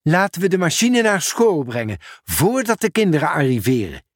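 A man's voice: a little high, huge pitch swings, moderate pace, no room sound, studio quality, voice pushed up. A man reading a storybook aloud, voicing a cheerful, dutiful postman in a slightly raised, eager voice.

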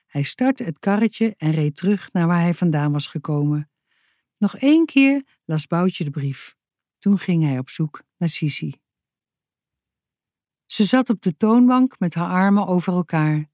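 A woman reading a children's story aloud, lively and giving each character a voice. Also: fairly low pitch, measured pace, dry recording, studio quality. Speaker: narrator.

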